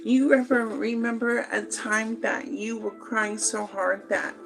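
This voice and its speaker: A woman giving a slow, meandering spoken tarot reading, with many fillers and pauses. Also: a little high, little pitch movement, creaky, music in the background, poor audio. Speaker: tarot reader.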